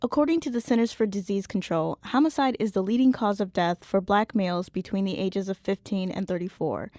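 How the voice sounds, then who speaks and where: A woman co-hosting a public radio podcast, narrating a script in a measured, clear way. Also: mid-range voice, dark tone, no room sound. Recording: dry studio with faint music bed.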